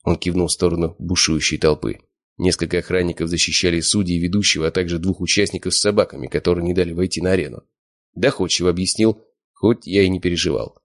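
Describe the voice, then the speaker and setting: A man narrating an audiobook in the first person, steady and smug. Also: sits low, fast. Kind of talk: scripted narration.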